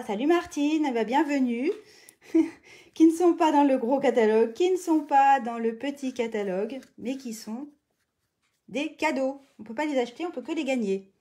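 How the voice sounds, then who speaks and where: A middle-aged woman runs a live crafting tutorial in a relaxed, chatty way. Her voice sits a little high but sounds mellow and warm, and she breaks off often to greet viewers by name. She talks with frequent hesitations. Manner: chatty, greets viewers by name mid-sentence, many fillers. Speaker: crafting demonstrator hosting a live video. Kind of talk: casual live tutorial chat.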